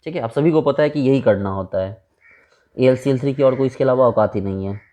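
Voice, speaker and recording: A man's voice: medium pitch, brisk, phone-quality sound. A man teaching a chemistry lecture in a casual, chatty way, asking rhetorical questions and calling students brother.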